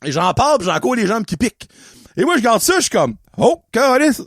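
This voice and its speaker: A man with an Acadian French accent hosting a podcast and telling a story in a casual monologue. He is animated, laughs often and drops English words into his speech. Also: high voice, quick pace, dry recording, clean studio sound. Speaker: podcast host.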